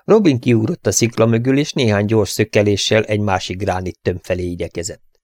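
A man reading an adventure novel aloud as narrator, in a brisk, dramatic storytelling manner, close to the mic. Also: lowish voice, a little mellow, no echo. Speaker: audiobook narrator.

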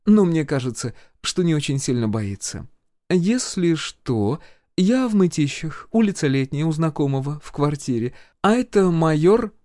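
A man voicing a sarcastic, unflappable middle-aged woman healer in an audiobook, mocking and drawn-out. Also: on the high side, big pitch swings, a little mellow, no echo, clean studio sound, pitched above the performer's own voice. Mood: sweetly ironic.

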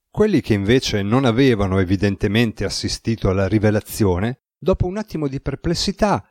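A man giving a steady, measured scripted narration of a novel as an audiobook reader. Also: medium pitch, no room sound, clean studio sound.

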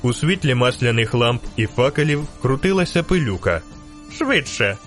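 A man reading an audiobook in steady, rhythmic scripted narration. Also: mid-range voice, moderate pace. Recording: narration over faint music.

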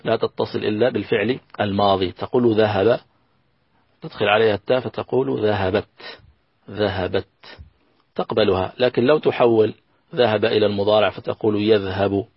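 A man teaching a lesson on Arabic grammar, slow and patient, repeating key phrases and working through examples. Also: fairly low pitch, fairly even intonation, breathy edge, no echo, lo-fi sound. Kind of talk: recorded classroom lesson.

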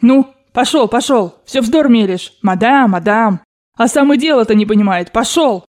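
A woman's voice: a little high, moderate pace, lightly acted. A woman voicing a bossy old grandmother. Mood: exasperated. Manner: shouting, abrupt commands. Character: imperious old Russian grandmother, loud and scolding. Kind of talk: audiobook narration.

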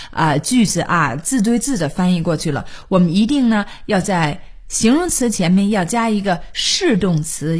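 A woman's voice: medium pitch, breathy edge. A woman hosting a studio radio lesson, patiently explaining words and spelling them out letter by letter. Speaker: radio English teacher.

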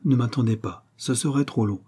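A man's voice: medium pitch, normal speed, dark tone, slightly rough. A man voicing a carefree, haughty young Parisian count in an audiobook reading, talking in a lofty, teasing way.

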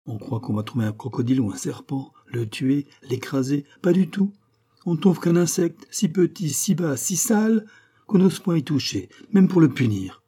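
A man's voice: a little high, sing-song, normal speed, warm tone, breathy edge, full character voice. A man reading aloud, playing a weary, patient king who reasons in a mildly exasperated way.

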